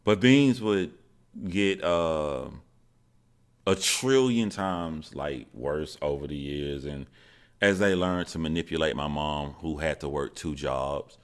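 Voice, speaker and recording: A man in his forties speaks in a very low voice. He tells a personal story candidly, with halting starts and a steady, earnest tone. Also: smooth. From Georgia, USA. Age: 40s.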